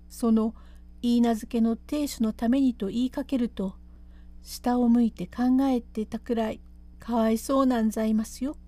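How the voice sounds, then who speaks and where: A woman reading as an anxious attendant from an old pleasure house, pleading and coaxing in courtesan speech, her voice pitched a little high. The tone stays mellow and dark, hushed and urgent, as in a classic told tale. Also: lightly acted. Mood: hushed, urging.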